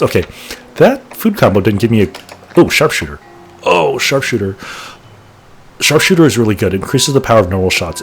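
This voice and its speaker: A man in his late thirties chatting casually as he plays, rambling and correcting himself as he goes. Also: on the low side. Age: late 30s. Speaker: gaming channel host. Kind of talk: casual gameplay commentary.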